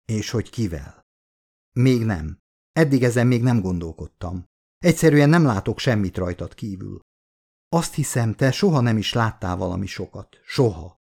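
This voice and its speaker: A composed young woman speaks quietly and calmly in a low voice, as a man reads her in an audiobook. She stays guarded and cool, never raising her tone. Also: creaky, husky, exaggerated voice. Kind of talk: audiobook reading.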